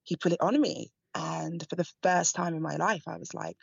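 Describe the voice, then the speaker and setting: A woman's voice: lowish voice, steady tone, moderate pace, gravelly, husky, no room sound. A woman guest on a podcast interview, talking frankly and chattily and laughing often. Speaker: guest, dominatrix and seduction coach. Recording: dull dry remote line.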